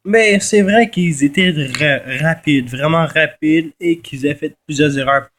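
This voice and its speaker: A man with a Québécois accent and a nasal voice, congested from a cold, giving a casual, halting game tutorial in which he often repeats and corrects himself. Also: a little high, a bit bright. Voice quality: nasal from a blocked nose. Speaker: gaming video host.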